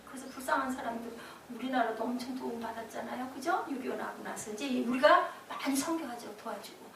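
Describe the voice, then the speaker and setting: A woman pastor preaching a lively sermon in a church, quizzing the congregation with call-and-response questions. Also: high-pitched, quick pace, recorded from a distance, noisy background. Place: church sanctuary. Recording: echoey church hall from afar.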